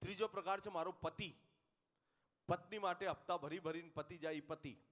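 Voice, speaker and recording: A high-pitched man with a Gujarati accent works the room in a stand-up set. He slips into the voices of his characters as he goes. His voice rings out with the long reverb of a hall. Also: normal speed. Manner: animated, puts on voices of the people in his jokes, talks straight to the audience. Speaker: stand-up comedian. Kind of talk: Gujarati stand-up comedy on stage.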